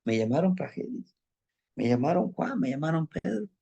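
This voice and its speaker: A man's voice: on the high side, very animated, moderate pace, vocal fry, mellow, breathy edge. A man teaching a group about ancestral tradition, telling a student's story and asking his listeners rhetorical questions. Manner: storytelling, acting out a student's account; addresses listeners as brothers, asks rhetorical questions.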